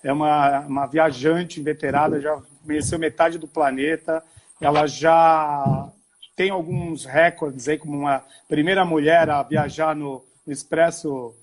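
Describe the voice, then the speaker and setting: A man's voice: on the high side, steady tone, a little slow. A man from Portugal, a university professor, hosting a casual live-stream conversation over a video call and explaining at length with restarts.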